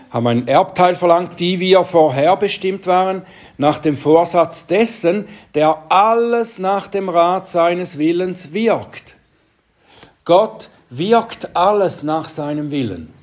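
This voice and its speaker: Slow, deliberate male preacher. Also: a little high. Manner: slow, deliberate, trails off into quiet asides. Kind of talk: Bible teaching sermon.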